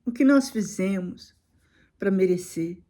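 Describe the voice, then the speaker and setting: A middle-aged woman tells an emotional personal faith testimony, often dropping to a soft, hushed voice. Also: mid-range voice, expressive, unhurried.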